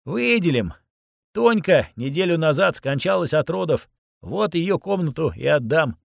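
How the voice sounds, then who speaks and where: A man voicing a sullen old woman, the elder of the women, who speaks in a measured, curt, matter-of-fact way. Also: fairly high pitch, expressive, creaky, no room sound, clean studio sound, pitched above the performer's own voice, full character voice. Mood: flat, curt.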